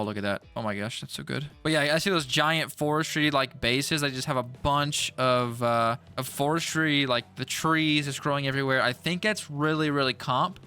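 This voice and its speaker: A young man talks through his farming game in a loose, rambling way, tripping over repeated words. His voice is bright and a little high for a man, and he sounds jittery from an energy drink. Soft music runs under his voice. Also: clean tone. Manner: rambling, stuttery, self-talk with repeated words. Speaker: gaming YouTuber. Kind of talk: casual gameplay commentary.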